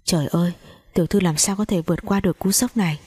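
An anxious middle-aged housekeeper frets over her young mistress with worried questions. Her voice is dark and husky. A woman storyteller reads her lines. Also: fairly low pitch, fast talker.

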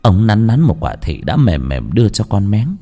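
A man narrating a ghost story dramatically, swinging between hushed and heightened tones. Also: on the low side, very animated, moderate pace, faint music behind.

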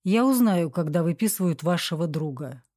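A woman's voice: on the low side, lively intonation, normal speed, warm tone, no room sound, clean studio sound. A woman voicing a tired, stern male hospital doctor who speaks curtly. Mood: weary. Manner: curt, weary.

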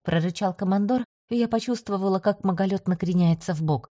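A woman reads a first-person adventure story aloud with a steady, even delivery. Her voice is mellow and dark, recorded dry and close with no room sound. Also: medium pitch, fairly quick, no room sound. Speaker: audiobook narrator. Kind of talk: first-person scripted narration.

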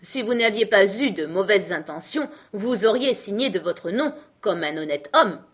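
A woman voicing a pompous old king in a storybook reading, solemn and blustering, a little higher and louder than her own voice. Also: animated, moderate pace, lightly acted. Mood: grave, pompous.

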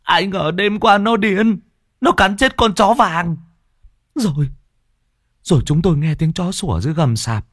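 A man's voice: measured pace, long pauses, fairly bright tone, no echo, studio quality. A man voicing a frantic village wife who wails in fear and grief over her injured husband in a ghost story. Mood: wailing. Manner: high-pitched, tearful wailing.

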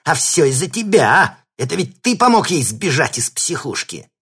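A man's voice: sing-song, a little fast. A man voicing a cowardly, sarcastic male henchman with a squealing voice in an audiobook. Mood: shrill panic. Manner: shrill and squealing.

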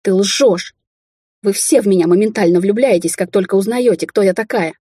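A woman voicing a proud, touchy young rich woman in an audiobook, her voice pushed higher and sharper. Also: moderate pace, warm tone, husky, no room sound, studio quality, lightly acted. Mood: furious.

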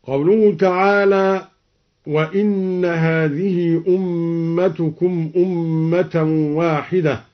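A man with a high voice explains Quran reading variants in a measured tone, then chants each verse in drawn-out, melodic recitation. He speaks unhurriedly throughout. The sound is dull and lo-fi, like an old radio archive recording. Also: steady tone.

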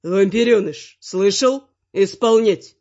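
A woman voicing a calm, detached male demon who speaks in a flat, unbothered way. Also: mid-range voice, takes it slowly. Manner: unperturbed, flat, commanding. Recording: muffled lo-fi recording.

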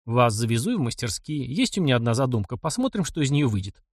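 A man reading the part of a decisive, kind young man who speaks briskly and plainly. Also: medium pitch, very animated, no room sound, studio quality. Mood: firm.

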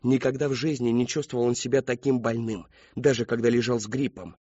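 Husky male audiobook narrator. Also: medium pitch, fairly quick, dry recording. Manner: steady dramatic storytelling. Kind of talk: scripted narration. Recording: dull lo-fi dry recording.

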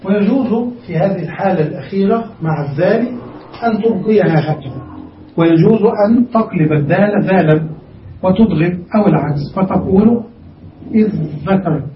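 High-voiced man teaching grammar, distant echoey room. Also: a little hiss or hum. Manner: slow, deliberate, spells out word forms step by step. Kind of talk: classroom grammar lesson. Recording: muffled, echoey classroom recorded from afar.

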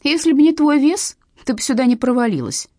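A woman voicing a bossy, sharp-tongued young woman who scolds and mocks her friend in an audiobook story. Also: sits high, big pitch swings, a little fast, no room sound, clean studio sound, pitched above the performer's own voice. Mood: mocking. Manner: scolding and mocking.

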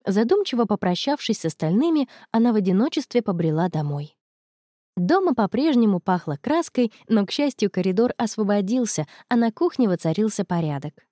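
A woman narrating an audiobook in an expressive manner. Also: mid-range voice, brisk, dry recording, clean studio sound. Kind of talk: audiobook reading.

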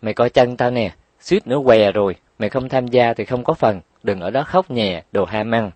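A man's voice: mid-range voice, a little mellow, dry recording, dull audio, lightly acted. A man voicing a spoiled little girl who whines and snaps back sassily. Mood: sassy. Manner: whining, sassy, quick retorts. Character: bratty, whiny little girl.

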